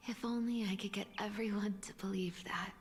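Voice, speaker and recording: A woman playing a sly, playful thief with a hidden soft heart in a video game. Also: mid-range voice, steady tone, fairly quick, long reverb tail, faint music behind, lightly acted. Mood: wistful. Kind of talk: dramatic video game voice acting.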